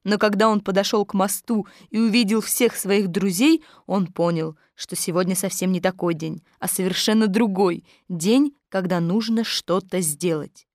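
A woman narrating a children's story aloud in a flowing, gentle way. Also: mid-range voice, fairly even intonation, moderate pace, no echo, clean studio sound. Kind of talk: audiobook reading of a children's story.

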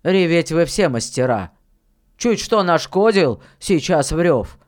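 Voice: mid-range voice, big pitch swings, unhurried. A reader voicing a stern old miller. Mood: stern scolding. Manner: stern, scolding, louder than the narration. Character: stern old village miller, gruff and grumbling. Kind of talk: audiobook reading of a fairy tale.

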